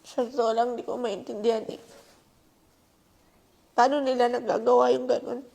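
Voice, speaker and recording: A woman's voice: fairly high pitch, little pitch movement, normal speed, gravelly, dark tone. A woman caretaker speaking in a heartfelt, indignant way in an interview-style confession. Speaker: caretaker in the vlog family.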